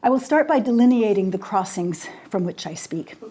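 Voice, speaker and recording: A woman in her sixties who grew up in Jordan, a poet and scholar giving a formal lecture in a measured, deliberate way with weighty pauses. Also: mid-range voice, expressive, mellow, husky. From raised in Jordan. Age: 60s.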